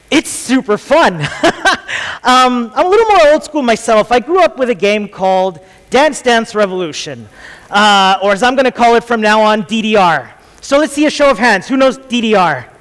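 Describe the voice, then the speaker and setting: A man's voice: very high-pitched, a bit bright. Chatty man on a theatre stage. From Chile. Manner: jokey, chatty, many ums. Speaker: conference speaker. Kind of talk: casual tech talk. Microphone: headset mic. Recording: long hall reverb.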